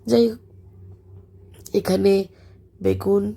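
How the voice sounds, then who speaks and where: A woman with a Bangladeshi accent and a hoarse, broken voice from illness, chatting through a vlog voice-over about a school celebration with many fillers. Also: medium pitch, steady tone, takes it slowly. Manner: chatty, warm about the children, frequent fillers. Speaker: schoolteacher and vlogger. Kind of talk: casual voice-over narration. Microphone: voice-over recorded separately.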